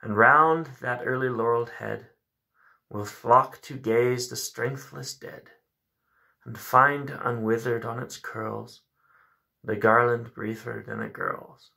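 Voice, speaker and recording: Sitting in a small room at home with a bookshelf, a man in his thirties reads poetry aloud and reflects on it informally for his video. He speaks slowly in a steady, medium-pitched voice that is creaky and sharp in tone.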